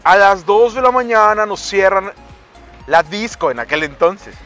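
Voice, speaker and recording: A man with a high, bright voice tells playful anecdotes while co-hosting a podcast. His delivery swings up and down, with faint music underneath. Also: expressive, unhurried. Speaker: podcast co-host. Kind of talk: casual chat, storytelling.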